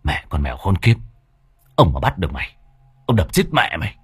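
A man voicing a rough, short-tempered village gang boss who curses and barks orders. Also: low voice, very animated, brisk, no room sound, full character voice. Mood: angry. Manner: gruff, cursing, bossy.

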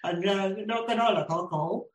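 A woman, a lay practitioner asking her teacher questions, halting as she searches for words. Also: medium pitch. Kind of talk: dharma Q&A. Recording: roomy echo.

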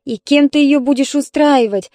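A woman's voice: high voice, moderate pace, warm tone, no room sound, voice pushed up, natural voice. Woman reading a reproachful retired mother. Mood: scolding. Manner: scolding, indignant. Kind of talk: audiobook character reading.

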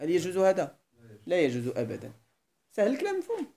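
Man, Moroccan accent, grammar lesson, quick delivery, mellow dark tone, mixes classical and dialect. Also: high voice, wildly swooping pitch, vocal fry. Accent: Moroccan Arabic. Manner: switches between classical Arabic and Moroccan dialect; keeps checking the class understands. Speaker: Islamic scholar teaching Arabic grammar.

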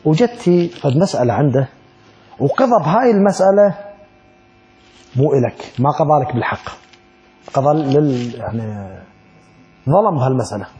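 Mellow Iraqi man teaching a class. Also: fairly high pitch, lively intonation, moderate pace, long pauses, lo-fi sound. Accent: Iraqi Arabic. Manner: asks the class rhetorical questions and acts out little dialogues. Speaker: religious teacher. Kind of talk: classroom lesson on Islamic law.

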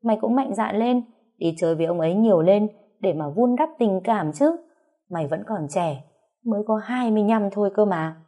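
A woman's voice: medium pitch, fairly quick, dark tone, close to an everyday voice. Woman doing a blunt, bossy best friend. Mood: pushy. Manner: frank, teasing.

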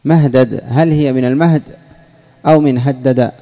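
A man, a sheikh, teaching a classroom lesson on word patterns, speaking slowly and deliberately, repeating key words and putting questions to his students. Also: mid-range voice, fairly even intonation, dark tone. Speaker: sheikh teaching Arabic morphology. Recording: dull lo-fi lesson recording.

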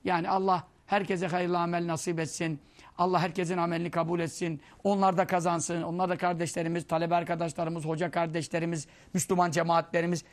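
A man giving a conversational religious lesson, telling anecdotes and acting out the people he quotes. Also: fast. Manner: storytelling, acting out quoted voices, lively swings in pitch and loudness. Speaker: Islamic preacher teaching hadith.

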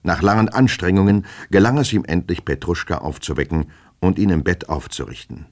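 A man narrating a classic novel in a measured, expressive literary reading. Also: low voice.

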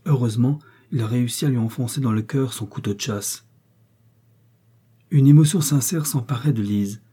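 Husky low-voiced male narrator. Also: mellow. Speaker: audiobook narrator. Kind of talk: scripted narration.

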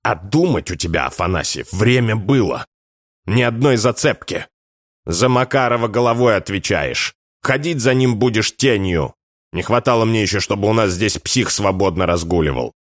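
A man voicing a gruff, domineering police lieutenant colonel who barks threats and orders. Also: fairly low pitch, animated, moderate pace, fairly bright tone, no room sound, studio quality, voice pushed up. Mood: angry, commanding.

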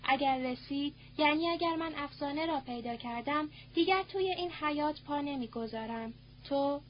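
Audiobook: woman voicing a stubborn, weary young man, quiet and earnest, high voice, muffled tape with a faint hum. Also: lightly acted. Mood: resolved.

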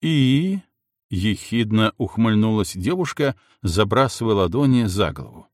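Expressive male audiobook narrator. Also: lowish voice, moderate pace, dry recording, clean studio sound. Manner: expressive, theatrical storytelling.

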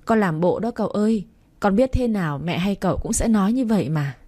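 A woman voicing a grieving, earnest young orphaned man in a storybook reading, with a soft, husky voice. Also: mid-range voice, expressive, brisk, lightly acted. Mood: teasing. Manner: tearful, pleading prayer to his late father.

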